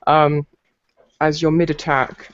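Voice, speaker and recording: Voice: medium pitch, flat delivery, slow. A game master running a tabletop game, chatty and joking, often correcting themself mid-sentence. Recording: dull lo-fi recording with faint noise.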